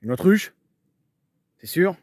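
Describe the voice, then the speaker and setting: A man with a French accent chatting casually to viewers in a relaxed way while walking his dogs outdoors. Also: high-pitched, slow pace, husky, no echo. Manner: chatty, relaxed, lots of fillers, shouts to his dog. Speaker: vlogger. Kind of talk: casual vlog chat. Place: outdoors on a country walk, then at his camper.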